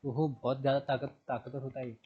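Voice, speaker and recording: A man's voice: medium pitch, little pitch movement, fast, breathy edge, muffled recording. A man teaching a general knowledge lesson, asking and answering his own questions, repeating terms and spelling words letter by letter. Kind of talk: recorded classroom lesson.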